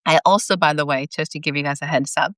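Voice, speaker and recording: A woman's voice: low-pitched, fairly even intonation, fast, a bit bright, no room sound. A woman author reading her story aloud on a live video, breaking off for chatty, candid asides.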